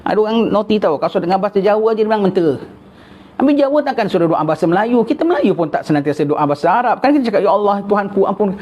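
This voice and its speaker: Older teacher, chatty religious lecture, mellow voice, kinda muffled lo-fi tape. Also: male voice, high voice, lively intonation, rapid-fire. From Singapore. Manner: conversational, folksy, mixes in Javanese and Arabic phrases. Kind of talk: kitab study lecture. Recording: dull lo-fi recording with faint noise.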